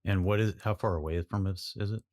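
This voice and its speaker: A man's voice: low voice, steady tone, fast talker, darkish tone. A man playing a tabletop game, hesitant and wry, cracking jokes. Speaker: player.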